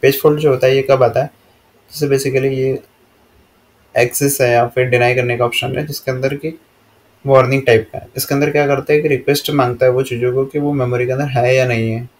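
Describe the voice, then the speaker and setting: Flat-voiced Indian man teaching. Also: mid-range voice. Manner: steady monotone, reads English slide lines slowly then explains. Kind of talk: explaining slides in a lesson.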